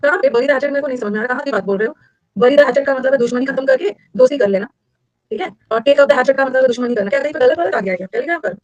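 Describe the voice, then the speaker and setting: A woman's voice: sits high, expressive, dry recording, lo-fi sound. An Indian woman teaching English vocabulary in a chatty live online class, mixing Hindi and English as she explains words. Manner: fast, chatty, switches between Hindi and English. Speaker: English teacher for competitive exams.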